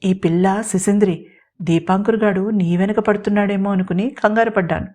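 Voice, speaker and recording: A woman voicing a stern, gruff older man in an audio story. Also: mid-range voice, fairly even intonation, fairly quick, darkish tone, close to an everyday voice.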